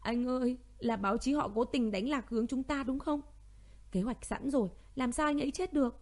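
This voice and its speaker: A young pregnant woman, tearful and pleading, her voice lifted high with grief, as a woman narrator puts her on. The tone stays warm and mellow even at its highest. It is a storybook reading. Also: normal speed. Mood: sobbing.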